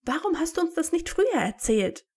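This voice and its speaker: A woman reading aloud and voicing an excitable, bossy teenage girl witch who exclaims shrilly. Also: a little high, moderate pace, breathy edge. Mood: shrill, astonished.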